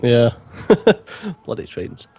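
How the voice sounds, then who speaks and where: A man's voice: medium pitch, sing-song, extremely slow, vocal fry, a little mellow, muffled recording. Scottish man chatting while gaming. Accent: mild Scottish. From Scotland. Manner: laughs often, joking. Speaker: co-player. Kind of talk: casual gaming chat.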